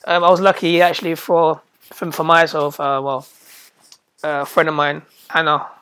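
Hoarse British podcast host, flat delivery. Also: medium pitch, moderate pace. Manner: rambling, stumbles and repeats words, slangy. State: hoarse, recovering from illness. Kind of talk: casual podcast chat.

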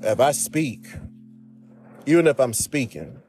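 A man's voice: mid-range voice, lively intonation, a little slow, over music. A man talking earnestly and casually to his viewers, giving marriage and relationship advice and often calling them "man" and "y'all". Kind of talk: casual heartfelt advice talk.

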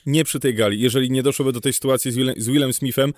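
A man's voice: mid-range voice, steady tone, very fast, no room sound, clean studio sound. A man co-hosting a podcast, chatting casually about film in a dismissive, mocking way. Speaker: podcast co-host.

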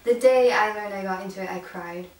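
A woman's voice: medium pitch, a little fast. A young woman from France with an American accent, chatting casually as a musician being interviewed. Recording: echoey room, distant mic, background noise.

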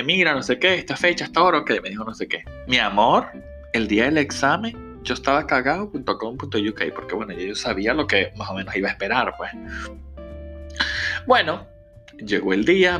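A young man with a Venezuelan accent telling a personal story at home, chatty and expressive, swearing freely and calling his listeners "my love". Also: mid-range voice. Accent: Venezuelan Spanish. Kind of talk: casual storytelling monologue.

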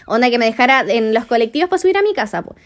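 A woman's voice: a little high, lively intonation, brisk. A woman with a Chilean accent telling a story in casual chat, full of slang and swearing.

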